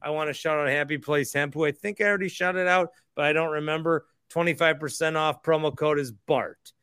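A drunk man hosts a fan livestream in a bright, forceful voice, pitched a little high. He rambles and swears with exasperation, and the sound is close and dry. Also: fairly even intonation, fairly quick, smooth, no room sound. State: drunk, tipsy. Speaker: host of a sports fan livestream. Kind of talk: rambling livestream rant about basketball.

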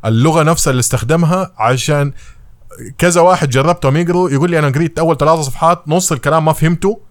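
A man, a novelist guest, talking in a casual discussion and telling anecdotes in a rapid flow. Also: on the high side, no echo. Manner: rapid, animated storytelling with quoted anecdotes.

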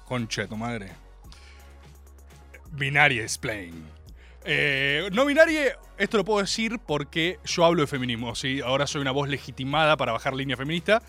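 Lively, bright-voiced Rioplatense radio host. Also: male voice, on the high side. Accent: Rioplatense Spanish. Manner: mock-serious ironic rant, exaggerated. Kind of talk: comedic radio monologue. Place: radio studio. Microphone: studio microphone.

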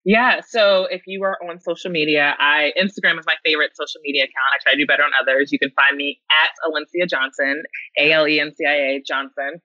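Bright-voiced woman podcast guest. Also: deep voice, fairly even intonation, fast talker, no echo, lo-fi sound. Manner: earnest, grows emotional. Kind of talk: podcast interview.

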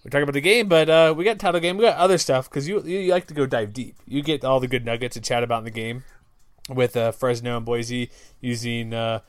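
A man's voice: medium pitch, brisk, no room sound. A man hosting a casual sports podcast, upbeat and joking, laughing often. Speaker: podcast host.

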